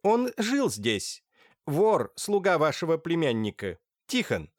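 A dry, experienced police inspector, as a man reads him aloud, giving reports in short, businesslike phrases. The voice sits higher than the reader's own. The recording is dry and close. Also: wildly swooping pitch, takes it slowly, no echo, heavily acted. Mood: matter-of-fact. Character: experienced, dryly composed male police inspector.

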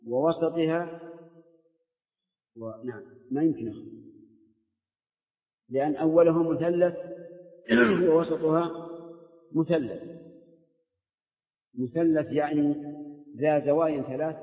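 An older man with a Najdi Arabic accent teaching a class, slowly drilling and questioning his students. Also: fairly high pitch. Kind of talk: classroom lesson. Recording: tinny old lecture tape in echoey hall.

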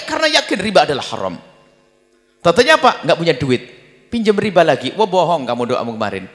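A man preaching an Islamic sermon, lively, often dropping into a low mumbling voice to act out people's prayers. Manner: animated, acts out quoted prayers in a low mumbling voice. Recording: long reverb of a large hall.

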